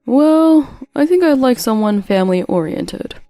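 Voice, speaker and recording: A woman voicing a charming but manipulative young man in a narrated story, speaking in a calm, smooth-talking way. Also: a little high, measured pace, dry recording, studio quality, faint music behind, pitched above the performer's own voice. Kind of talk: story narration with voiced quotes.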